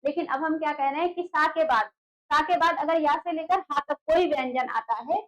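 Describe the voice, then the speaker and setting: A woman with a high voice gives an exam-prep lesson at the board. She explains patiently, repeats key words and asks quick rhetorical questions that she answers herself. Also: poor audio. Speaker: Hindi teacher for exam prep. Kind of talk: classroom lecture at a board.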